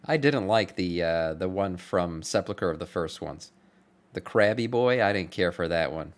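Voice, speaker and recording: A man's voice: low-pitched, animated, normal speed. A man streamer giving casual reaction commentary, blunt and chatty, swearing offhand.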